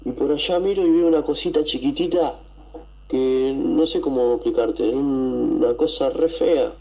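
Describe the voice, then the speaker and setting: A man with an Argentine accent, telling a story to a radio show, excited and rambling, with coughs and throat clearing. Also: medium pitch, moderate pace, muffled recording. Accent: Argentine Spanish. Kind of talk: casual storytelling.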